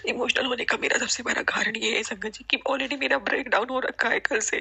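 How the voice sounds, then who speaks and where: A woman shares a devotional testimony in an earnest, tearful voice, addressing her listeners over and over. Her voice is bright and sharp, with a gravelly, husky edge. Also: fairly high pitch, fairly even intonation, brisk. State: tearful, emotional. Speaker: devotional satsang speaker.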